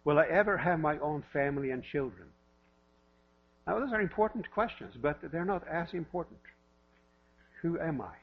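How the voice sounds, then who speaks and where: A husky pastor in his fifties, originally from Norway, preaches in a church and talks a little higher than most men. He speaks conversationally and pokes fun at himself. The recording is lo-fi and dull, with a steady mains hum behind him. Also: normal speed, pauses often. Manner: warm self-deprecating humor, conversational with repeated questions. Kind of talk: sermon. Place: church sanctuary.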